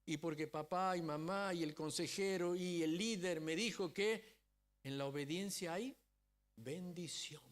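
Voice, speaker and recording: A man's voice: sits high, a little slow. A man preaching a sermon as a pastor, telling a story and often checking in with the congregation. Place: church.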